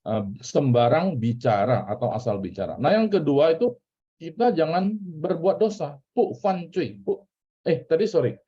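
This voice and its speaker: A man's voice: fairly high pitch, expressive, moderate pace, warm tone, husky. Chatty man teaching a church class. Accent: Indonesian. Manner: chatty, repeats key words, drills phrases. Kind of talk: casual teaching, asking the class questions. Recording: dull lo-fi recording.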